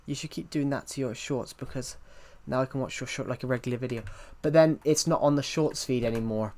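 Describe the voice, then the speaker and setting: Streaming live from home, a man chats and rambles while reading out and answering messages. His medium-pitched, darkish voice stays fairly even and goes a little fast, shaped by a thick accent with heavy R sounds.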